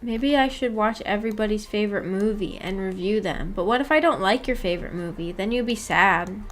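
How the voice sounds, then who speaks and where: Reading and replying to viewer chat, this woman streamer speaks in a mid-range voice at a slightly quick pace. Her casual livestream banter is giggly, slangy, and full of playful teasing.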